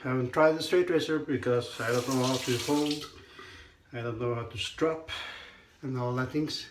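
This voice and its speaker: The hoarse, medium-pitched man in this clip is a vlogger making casual conversation while shaving. He speaks slowly and haltingly and keeps clearing his throat. The indoor setting is a small tiled bathroom, captured by a camera at arm's length on the counter, with echo and faint noise.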